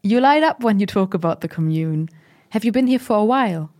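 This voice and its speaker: Actress as friendly interviewer woman, super animated pitch, curious n encouraging, chatty audio drama style. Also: a little fast, close to an everyday voice. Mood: curious, impressed. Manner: encouraging, expressive questioning. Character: friendly, curious female oral-history interviewer. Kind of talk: conversational interview acting.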